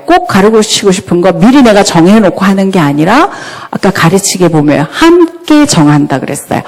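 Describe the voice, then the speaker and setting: A woman giving a church talk on parenting, lively and often asking the audience questions. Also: mid-range voice. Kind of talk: church lecture. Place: church hall. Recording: long hall reverb.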